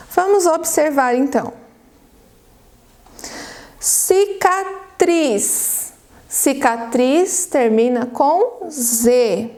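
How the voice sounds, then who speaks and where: A Brazilian Portuguese woman teaching a primary school class on video, dictating words slowly and cheering the children on. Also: high-pitched, a little mellow. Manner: slow, drawn-out word dictation with encouraging prompts. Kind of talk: recorded video lesson for children.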